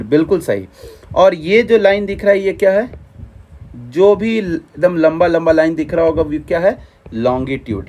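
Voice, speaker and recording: Teacher type man, fairly high voice, repetitive quiz-style explaining. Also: darkish tone. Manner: repetitive, quizzing, asks and answers himself; mixes English terms into explanations. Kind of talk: classroom lecture.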